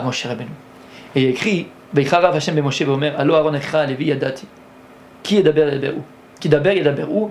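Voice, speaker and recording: A man's voice: a little high, slight background noise. A man, a rabbi, giving a Torah lesson and acting out dialogue with rising exclamations.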